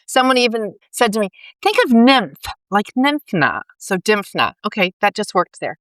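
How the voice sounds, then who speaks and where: Co-hosting a casual faith podcast, this woman chats and explains with a very animated, slightly bright mid-range voice at a normal speed. Allergies leave her sounding a bit stuffy, and she often tags questions onto her points.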